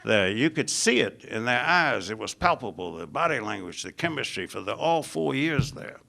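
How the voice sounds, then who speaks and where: Lecturing publicly on foreign policy, this American man stacks up lists with rising pitch and lots of "uh" fillers, delivered with emphasis. He talks at a moderate pace, his pushed, bright voice showing vocal fry and big swings in pitch.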